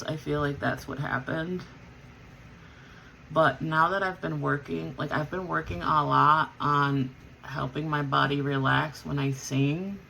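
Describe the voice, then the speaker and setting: A vlogger who sings in a band chats casually while getting ready, rambling with plenty of fillers and self-corrections. Her voice is low with vocal fry and a fairly bright tone. The rough recording carries a little hiss or hum.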